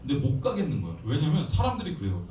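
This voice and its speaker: Man, thirties, missionary preacher; animated storytelling, higher voice, roomy hall sound with faint noise. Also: fast talker. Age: 30s. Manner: animated storytelling with acted quotes. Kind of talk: sermon testimony. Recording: echoey hall, distant mic, faint noise.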